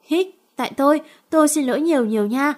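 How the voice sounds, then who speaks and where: A woman's voice: sits high, moderate pace, close to an everyday voice. A woman reading the lines of a spirited, brash young woman who turns flustered and apologetic.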